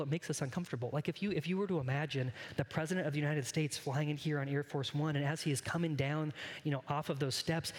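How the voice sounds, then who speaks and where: A man preaches a sermon in a somewhat high voice, with a long reverb tail trailing his words. He is a pastor, earnest and conversational, and he often turns to address his congregation directly.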